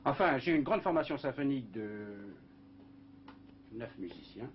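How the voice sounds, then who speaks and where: Speaking a little slowly in a mid-range voice, a man who composes film scores rambles with liveliness through a casual interview, making mouth sounds to imitate noises. The old broadcast recording sounds dull and carries faint hiss.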